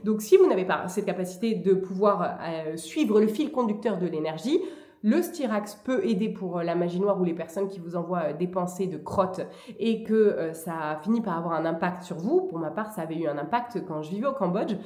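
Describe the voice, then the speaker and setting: A woman's voice: fairly low pitch, lively intonation, mellow. Chatty woman vlogging in an echoey room. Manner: chatty and hesitant, with frequent pauses. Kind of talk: casual spiritual advice vlog.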